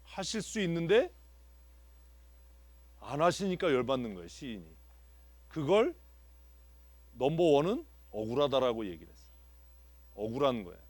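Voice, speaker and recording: Man, pastor, interactive Bible teaching, animated pitch, dry close sound. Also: normal speed, pauses often, no room sound. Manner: asks the congregation questions and repeats answers. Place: church sanctuary.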